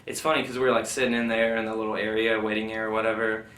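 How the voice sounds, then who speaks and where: A veteran races through casual recollections of his service in an interview, his low-side voice completely flat and fairly bright. He rambles informally and keeps saying "like" and "you know." It's recorded on a distant mic in a roomy space with faint noise.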